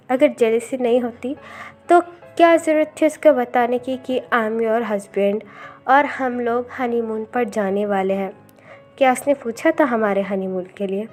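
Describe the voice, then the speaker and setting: A woman's voice: on the high side, a little slow, darkish tone, soft background music, natural voice. A woman voicing a cold, teasing young husband in a storybook read-aloud, speaking with a mocking edge.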